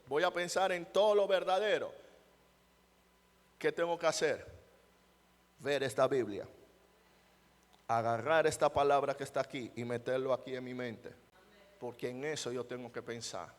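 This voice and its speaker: A man's voice: medium pitch, fairly even intonation, moderate pace, pauses often. Man preaching in a reverberant church. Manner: rhetorical questions to the congregation, emphatic. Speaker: pastor. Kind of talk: sermon. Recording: long church hall reverb.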